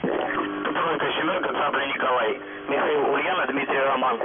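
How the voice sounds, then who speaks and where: A man talking over a radio as an operator, reading out call signs in a flat, measured, repetitive way. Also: mid-range voice, gravelly. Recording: tinny radio transmission. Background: loud music.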